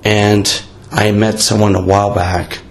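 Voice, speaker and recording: Hoarse, low-voiced man, casual podcast host. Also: flat delivery, measured pace. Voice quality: raspy, hoarse. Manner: blunt, profane, self-mocking. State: voice worn out. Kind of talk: casual rambling monologue.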